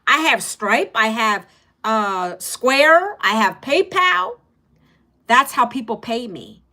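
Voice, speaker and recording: A middle-aged woman hosting a casual livestream, talking straight to her viewers with energy and emphasis as she pitches an online course. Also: sing-song, slow pace, bright, forceful tone.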